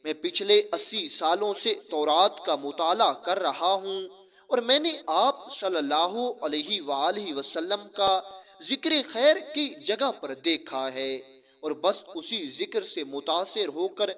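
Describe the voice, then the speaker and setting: A man reads the part of an aged scripture scholar in a spoken religious story, earnest and grieving, pleading as he laments. The voice sits high and lively, with a bright edge. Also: heavily acted.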